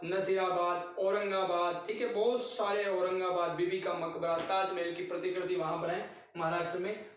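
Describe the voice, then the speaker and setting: A man's voice: sits high, recorded from a distance, slight background noise. A man teaching a grammar lesson, repeating word lists and checking in with "theek hai" after each one. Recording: very echoey room, recorded from afar.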